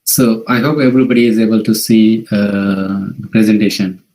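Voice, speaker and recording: A man from India, a native Marathi speaker with a Marathi accent, gives an informal online presentation in a halting way, often repeating and rephrasing. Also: lowish voice, level tone, a little mellow, low-quality recording. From Maharashtra, India. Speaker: workshop presenter. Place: video call.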